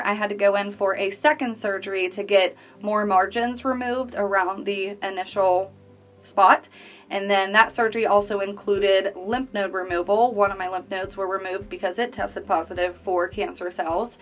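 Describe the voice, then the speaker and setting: A woman in her late twenties, a cancer survivor, speaks straight to viewers and shares her personal story in an earnest, conversational testimonial. Her medium-pitched voice holds a steady tone at a moderate pace, with a slightly bright quality.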